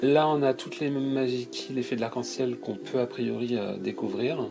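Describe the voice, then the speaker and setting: Over background music, a man with a cold speaks in a mid-range, gravelly voice, steady in tone and at normal speed. He's a YouTuber unboxing toys, and his stuffy commentary on each one is hesitant, casual and filler-heavy.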